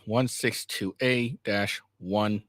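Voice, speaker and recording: A man reading a legal document aloud in a halting way, stumbling over words and correcting himself, with a casual host's delivery. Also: fairly low pitch, fairly even intonation, a bit bright, no echo, clean studio sound.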